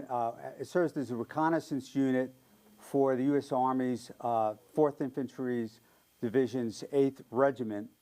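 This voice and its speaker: With a mid-range, darkish voice, this guest speaker from the New York area, a man in his seventies, keeps his casual public talk friendly and chatty. Ums and light laughs come often.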